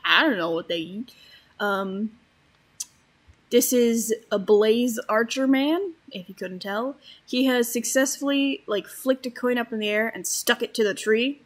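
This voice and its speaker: A woman's voice: on the high side, a little slow. A woman giving casual, rambling gameplay commentary, chatty and full of fillers. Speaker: Minecraft let's-player.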